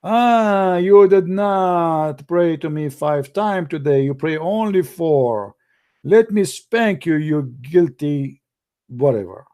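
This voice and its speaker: A man's voice: on the high side, expressive, slow pace, dark tone. A man putting on the voice of a petty, punishing male god who scolds a worshipper in an exaggerated, mocking tone. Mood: mock scolding.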